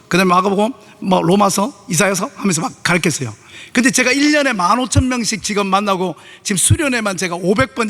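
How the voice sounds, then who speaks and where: A middle-aged male pastor with a strikingly high voice delivers an animated, story-driven sermon. He slips into different voices as he acts out conversations. The sound carries a long church reverb. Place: church sanctuary.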